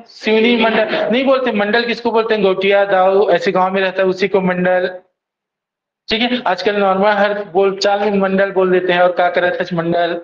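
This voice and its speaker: A man teaching an exam coaching class, drilling students with memory tricks and constantly asking if they follow. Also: high-pitched. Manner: repeats questions to students, keeps asking "theek hai?". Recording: echoey room, dull lo-fi sound.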